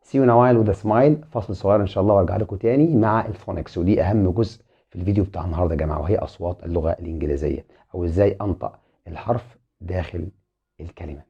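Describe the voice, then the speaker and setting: A man's voice: deep voice, rapid-fire, husky. A man with an Egyptian Arabic accent teaching an online English lesson, saying each letter twice and politely addressing viewers as a group. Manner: spells letters aloud, repeating each twice. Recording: muffled lo-fi sound.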